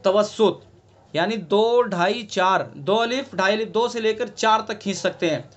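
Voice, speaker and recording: On an online class call, a male Quran recitation teacher with a Delhi Urdu accent explains things patiently, tests his students, and draws out sounds as examples. He speaks at a measured pace in a high, slightly bright voice.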